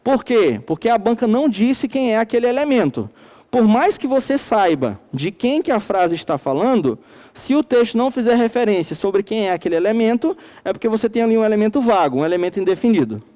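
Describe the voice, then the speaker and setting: Slow, emphatic male teacher from Manaus. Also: sits high, lively intonation, mellow. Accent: Brazilian Portuguese, Manaus. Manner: asks the class questions and answers them himself. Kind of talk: recorded classroom lecture. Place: classroom.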